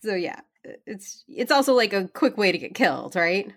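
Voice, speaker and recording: A woman in casual chat as a podcast panelist, talking in an animated way with lots of "like" fillers. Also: mid-range voice, moderate pace. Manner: chatty, animated, frequent "like" fillers.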